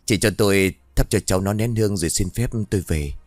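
Man reading a gentle, courteous middle-aged rider, deep and dry. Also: quick pace, dry recording, natural voice.

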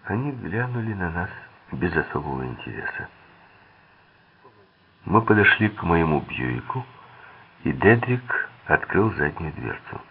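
A man narrates a thriller audiobook in a very deep, gravelly voice with husky edges. His pitch rises and falls a lot, and he gives the characters' quoted lines slightly different tones. The sound is thin and tinny, like a phone line. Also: very animated, a little slow, pauses often.

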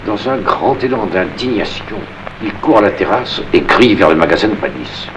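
Deep-voiced guy reading stage directions, calm and steady, hissy old recording. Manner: calm, measured storytelling. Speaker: narrator.

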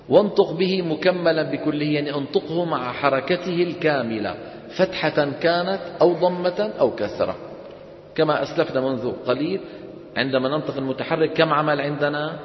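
Man teaching in an echoey hall. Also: on the high side. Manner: asks the class questions and answers them, chants verses slowly. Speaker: Quran recitation teacher. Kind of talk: classroom tajweed lesson. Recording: roomy lecture hall, dull lo-fi sound.

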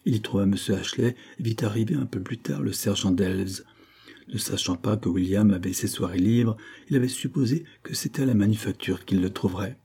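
Low husky guy reading an old novel out loud, calm and steady. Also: a little fast. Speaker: audiobook reader. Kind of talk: audiobook narration.

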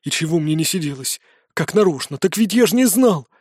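A man's voice: on the high side, expressive, a little fast, a little mellow, breathy edge, no room sound, studio quality. A man voicing a flustered, remorseful middle-aged nobleman father in an audiobook. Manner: fretful, self-reproaching.

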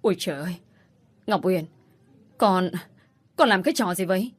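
A woman's voice: lowish voice, lively intonation, moderate pace. A woman reading an audiobook voices a middle-aged mother who wails reproaches at her daughter. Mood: distraught scolding. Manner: wailing reproach.

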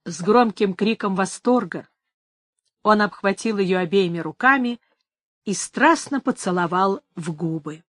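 A woman narrating a romantic adventure novel in an audiobook, measured and expressive. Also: medium pitch, no room sound, clean studio sound.

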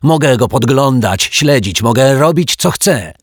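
Lektor grający wzburzonego starszego wędkarza. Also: male voice, on the low side, wildly swooping pitch, takes it slowly, gravelly, breathy edge, dry recording, studio quality, pitched above the performer's own voice, exaggerated voice. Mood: indignant. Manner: shouting, indignant exclamations. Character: excitable older male angler, blustering.

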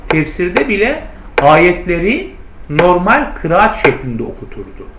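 A male theology teacher lectures to his class and calls them his friends. He poses rhetorical questions and answers them himself, in a high voice that swings widely in pitch. The recording sounds roomy and a little dull, with faint noise behind him. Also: wildly swooping pitch, unhurried, a bit bright. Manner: addresses listeners as friends. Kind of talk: lecture on hadith commentary.

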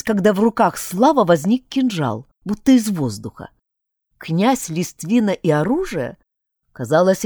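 A woman's voice: mid-range voice, dark tone, no room sound, clean studio sound. A woman narrating a first-person fantasy audiobook expressively, switching voices for each character.

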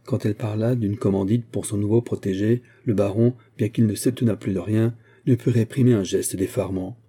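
A man reading a classic novel aloud in a measured, steady narration. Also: on the low side, husky. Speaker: audiobook narrator.

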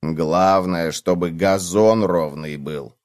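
A slow, low and quiet cockroach, played by a man in a children's storybook. He speaks earnestly and stubbornly, each word drawn out and hushed. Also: no echo, studio quality. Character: calm stubborn male cockroach from far away.

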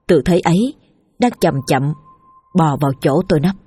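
A woman narrating a scripted horror story in a steady, tense storytelling manner. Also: deep voice, moderate pace, breathy edge, no room sound. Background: faint music.

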